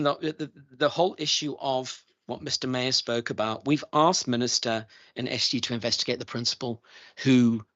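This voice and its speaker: A middle-aged chief schools evaluator addresses a parliamentary committee with emphatic, earnest testimony, restating his key points. His medium-pitched voice has a sharp tone, and the recording is dry, dull, and lo-fi, typical of committee room audio.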